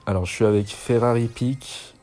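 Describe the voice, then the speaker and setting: A man's voice: mid-range voice, steady tone, normal speed, darkish tone, faint music behind. A young man giving casual, chatty gameplay commentary as a gaming YouTuber, self-mocking and slangy.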